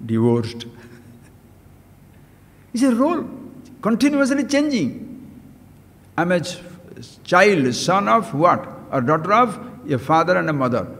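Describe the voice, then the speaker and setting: A man, a spiritual teacher giving a discourse, questioning the listeners, repeating his points and voicing their replies. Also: mid-range voice. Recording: long hall reverb.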